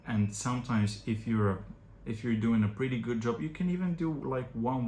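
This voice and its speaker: A young Bulgarian man, a native Bulgarian speaker, talks in English as an agency founder giving direct, practical advice in an informal explainer to camera. His mid-range voice has a darkish tone, and he often pauses on "uh." The room is echoey with faint background noise.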